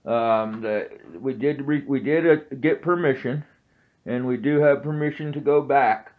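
A man hosting a metal detecting vlog, rambling casually to viewers with many pauses and ums. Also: medium pitch, phone-quality sound. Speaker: metal detecting channel host. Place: outdoors on a grassy course, then an indoor home office.

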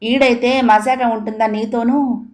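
A woman voicing a rough, taunting male thug in a story reading. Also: a little high, steady tone, measured pace, a little mellow, natural voice. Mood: leering. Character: crude menacing male thug.

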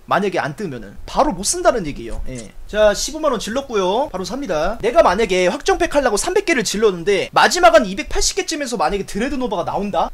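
A woman streaming a game live, opening loot boxes, swearing and exclaiming in frustration, and reading out viewer donations. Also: on the high side. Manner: exasperated, swearing, loud groans and exclamations; reads viewer donation messages aloud.

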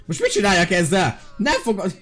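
A man hosting a video game channel, giving playful, excitable commentary while talking to his viewers. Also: high-pitched. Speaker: gaming video host.

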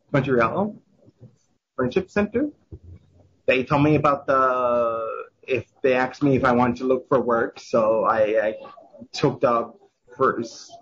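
A man's voice: mid-range voice, fairly bright tone, slightly rough, dull audio. A young man from Quebec, Canada, working at a café, answering interview questions hesitantly with many restarts, recorded outdoors. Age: young adult.

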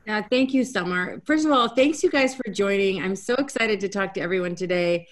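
A woman, giving an energetic, conversational webinar talk from home over a video call. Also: mid-range voice. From United States. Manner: energetic and conversational, speaking in quick bursts with restarts. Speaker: guest speaker. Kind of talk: webinar presentation. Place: home room, indoors.

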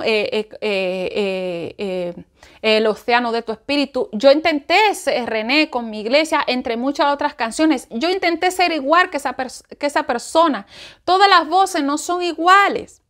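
A woman giving an informal Bible study talk, animated and repeating phrases for emphasis. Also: high-pitched.

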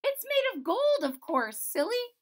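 A woman voicing a sick little girl princess in a storybook, speaking softly and weakly with a childlike lilt. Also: very high-pitched, sing-song, measured pace, voice pushed up, exaggerated voice. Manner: soft, weak, with a childlike lilt.

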